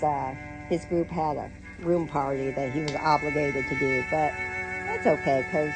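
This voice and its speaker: Speaking on the low side, a middle-aged American woman who creates online content tells a personal story casually, with sass and playfulness and acted-out dialogue. Clear background music plays over a low-quality recording.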